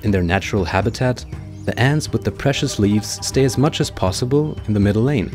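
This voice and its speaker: A man narrating a scripted nature documentary in a measured, explanatory way. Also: lowish voice, expressive, over music.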